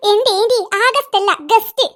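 A woman's voice: very high voice, rapid-fire, a bit bright. A woman voicing a cheeky young boy in a cartoon, who teases and complains. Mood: teasing. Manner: teasing, whiny complaints. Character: cheeky young boy, Salman, quick with teasing. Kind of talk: cartoon voice acting.

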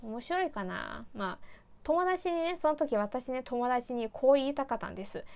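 A young woman from China talks casually to her viewers. Her voice sits a little high. She is a native Chinese speaker, with many fillers and self-deprecating asides. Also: expressive, moderate pace, vocal fry. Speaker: vlogger. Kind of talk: casual chat about learning Japanese.

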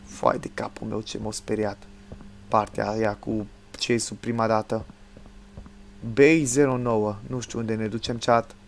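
A man streaming a horror game live, chatting with his viewers and yelping and shouting at every scare; he says he is tired from all the screaming. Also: lowish voice, flat delivery, creaky, slight background noise. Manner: jumpy, yelps and shouts when scared, talks to chat. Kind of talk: live gameplay commentary.

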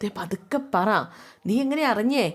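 A woman's voice: medium pitch, lively intonation, close to an everyday voice. A woman voicing a young wife who is caring, a bit bossy and teasing. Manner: brisk, teasing, giving instructions.

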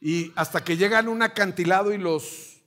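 A middle-aged man with a Mexican accent preaching a sermon as pastor, telling a story with animated energy and acting out shouted commands. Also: high voice, normal speed.

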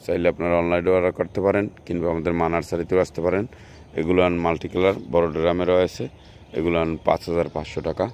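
A deep, darkish voice races along in a level tone with slight background noise. The speaker, a nursery video host with a Bangladeshi Bengali accent, narrates a casual walk through an outdoor plant nursery, pointing at plants and pitching them repetitively.

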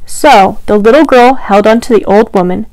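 A young woman hosts storytime for small children, using exaggerated, encouraging delivery aimed right at her listeners. Her medium-pitched voice has a darkish tone and moderate pace, picked up on a clip-on lapel mic in a rough recording with no echo.

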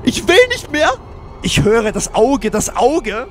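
A man's voice: very high-pitched, animated, slow, a bit bright, a little hiss or hum, exaggerated voice. A man voicing a despairing man lost in a maze, reading out his diary with broken, repeating, pleading phrases.

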